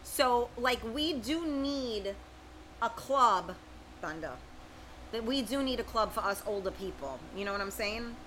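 A middle-aged woman hosts a casual livestream, reading out viewer comments and chatting with people by name in a chatty, informal way. Her voice sits on the high side and is expressive, unhurried and a bit bright. The recording is low quality, with slight background noise.

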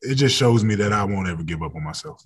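A man in his thirties speaks as an interview guest in an open, chatty way. His voice is husky and sits a little low, and he laughs often, repeats himself and restarts his sentences as he talks. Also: animated, fast talker. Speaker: football player guest. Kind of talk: casual interview.

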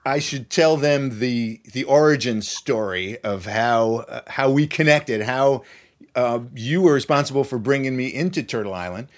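A middle-aged man, a violinist, telling a story in casual chat, animated and laughing often. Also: medium pitch, normal speed. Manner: animated, laughs often, mimics voices in quotes.

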